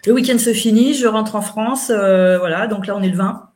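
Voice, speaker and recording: A woman's voice: mid-range voice, normal speed, a little mellow. A middle-aged woman, an interview guest, chatting casually as she recounts events and quotes what people said.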